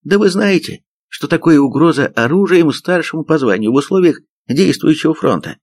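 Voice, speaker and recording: A man's voice: mid-range voice, sing-song, a little slow, a little mellow, no echo, pitched above the performer's own voice. A man voicing a plump, pompous male army major who blusters with indignation in an audiobook. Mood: indignant blustering. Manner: huffy, indignant.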